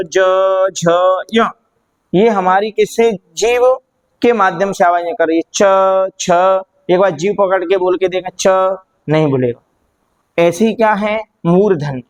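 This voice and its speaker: A man teaching Hindi grammar, sounding out letters one by one and asking questions he then answers himself, addressing students as children. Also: high voice. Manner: drills sounds aloud, asks and answers own questions, calls listeners "beta". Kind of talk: classroom lesson.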